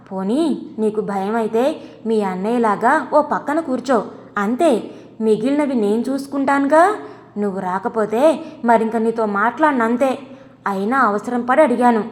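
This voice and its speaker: A woman's voice: a little high, in a large hall, natural voice. A woman voicing a bossy, talkative middle-aged sister-in-law in an audio storybook, pushing and nagging. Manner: pushy, nagging persuasion.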